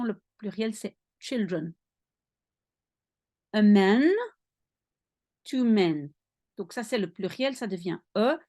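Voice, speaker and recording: A woman language teacher patiently explaining grammar to a student, with careful repetition. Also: a little high. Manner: slow, patient, lively intonation. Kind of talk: explaining English grammar in French.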